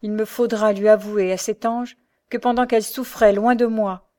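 A woman's voice: medium pitch, fairly even intonation, normal speed, warm tone, natural voice. A woman reading an anguished young woman. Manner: impassioned, pleading. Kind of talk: audiobook character reading.

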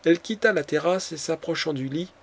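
A man narrating a classic novel as an audiobook, with a measured, dramatic reading. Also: on the high side.

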